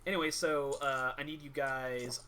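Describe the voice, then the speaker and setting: A man working as game master, casually narrating a tabletop game in halting, improvised explanations. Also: mid-range voice, steady tone, noisy background.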